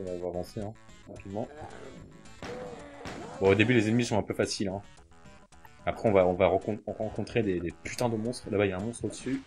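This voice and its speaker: A young adult man giving casual, hesitant gameplay commentary, full of fillers and offhand swearing, on a desk mic with mouse clicks. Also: lowish voice. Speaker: let's play gamer. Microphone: desk mic near mouse and keyboard.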